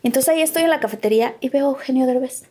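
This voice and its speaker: A Mexican actress with a Mexican accent recounts stories from her life in a casual interview. Her high, breathy voice races along, and she animatedly acts out the quoted dialogue.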